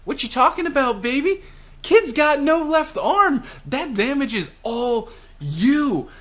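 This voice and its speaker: A man voicing a cocky, calm male pirate fighter who taunts his foe in a teasing drawl while retelling a comic. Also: on the high side, moderate pace. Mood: smug.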